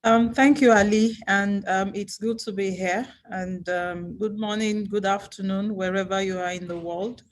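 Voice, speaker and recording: A woman's voice: mid-range voice, fairly even intonation, a little slow, few pauses. A woman from Nigeria speaking as a panelist on a video call, hesitant and full of ums. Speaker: panelist, bank security chief. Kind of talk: panel conversation.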